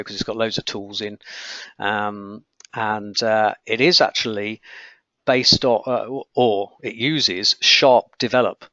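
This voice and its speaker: His voice is croaky and on the low side as he leads a live software-testing webinar, explaining while clicking through screens and filling gaps with okays and ums. There's no room sound, and the highs are cut off.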